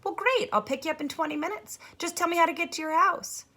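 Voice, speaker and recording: A woman voicing a cheerful young woman teacher who talks in a lively, gently teasing way. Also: very high voice, quick pace, pitched above the performer's own voice. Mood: breezy.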